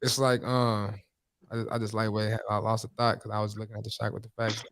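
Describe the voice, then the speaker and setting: A man in his late twenties hosting a casual podcast, fast-talking and rambling with lots of fillers. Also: fairly low pitch, flat delivery, fairly bright tone, no room sound. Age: 20s. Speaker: podcast host.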